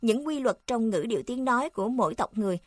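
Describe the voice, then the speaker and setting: A woman's voice: on the high side, fast, no room sound, clean studio sound. Formal woman reading a textbook aloud. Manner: even, formal, reads section headings aloud.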